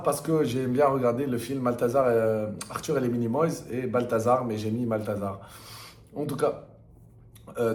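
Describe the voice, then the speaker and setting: Young man in echoey room. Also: medium pitch. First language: not French, learned it through video games. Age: young adult. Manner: enthusiastic, slangy, repeats himself emphatically. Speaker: gamer sharing memories. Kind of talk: casual rambling chat.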